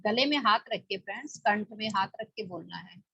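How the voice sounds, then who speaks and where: A woman's voice: medium pitch, expressive, brisk, creaky, sharp tone, breathy edge, no room sound, dull audio. A woman leading a guided self-help class, talking listeners through a mirror exercise with repeated, coaxing instructions. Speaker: meditation and self-help teacher.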